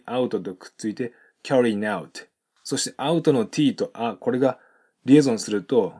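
A man who speaks Japanese as his first language teaches English pronunciation in Japanese, calmly and step by step, and slows down for his model phrases. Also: mid-range voice, breathy edge. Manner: calm, methodical, with slowed model phrases.

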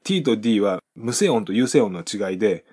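A man with a husky, slightly breathy voice walks through pronunciation drills in a methodical way. He breaks each phrase down into its sounds and repeats the example sentences slowly. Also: fairly low pitch, lively intonation, darkish tone. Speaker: English pronunciation teacher. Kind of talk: instructional explanation with example sentences.

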